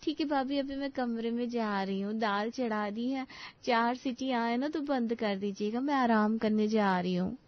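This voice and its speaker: A woman's voice: on the high side, moderate pace, dry recording, lightly acted. A woman voicing a polite, deferential young daughter-in-law who pleads and explains herself, in a dull lo-fi recording. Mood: casual. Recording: dull lo-fi sound.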